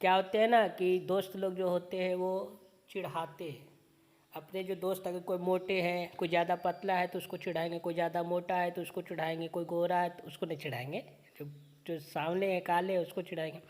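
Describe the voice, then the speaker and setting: A woman's voice: on the low side, level tone, a little mellow. A woman teacher explaining a children's poem to young pupils. She keeps asking questions and answering them herself, and mixes in short English phrases. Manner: reads verses slowly and sing-song, then explains with repeated questions. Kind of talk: online class lesson explaining a poem.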